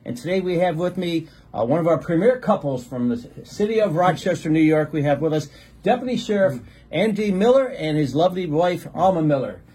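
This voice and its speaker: A man's voice: on the high side, lively intonation, brisk, mellow, slightly rough, rough recording. A man, a pastor, guest-hosting a gospel talk show and interviewing a couple in a friendly, joking way with many fillers. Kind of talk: casual interview chat.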